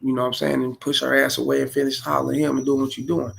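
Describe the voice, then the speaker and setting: A man's voice: mid-range voice, flat delivery, very fast, gravelly. A man in his forties giving blunt, profane, rambling street-style commentary on a stream. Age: 40s. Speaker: streamer reacting to a video.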